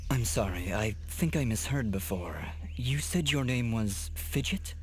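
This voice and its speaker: A man's voice: mid-range voice, animated, a little slow, a little mellow, close to an everyday voice. Guy acting young amnesiac game hero, mid voice, earnest and polite, faint music under it. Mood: puzzled, polite. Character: earnest, bewildered amnesiac young male warrior.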